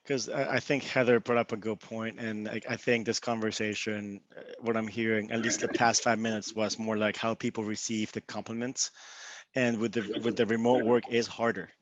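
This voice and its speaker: Flat-voiced man chiming in on a call. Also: on the low side, normal speed, dull audio, slight background noise. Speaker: webinar participant. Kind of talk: casual discussion on a video call. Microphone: video call.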